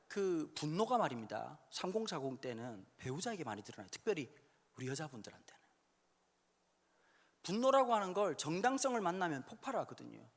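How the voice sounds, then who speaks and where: A man in his fifties preaching a sermon in a church hall, joking and suddenly shouting when he acts out quotes. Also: on the high side, big pitch swings, brisk. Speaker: pastor. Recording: echoey hall sound.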